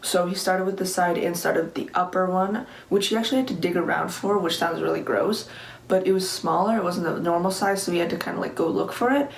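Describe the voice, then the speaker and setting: Female vlogger, late teens, slightly low pitch, informal rambling storytime delivery, echoey room sound. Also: brisk, gravelly. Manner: rambling, conversational, peppered with "like". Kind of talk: casual personal storytime to camera. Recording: echoey room with faint background noise.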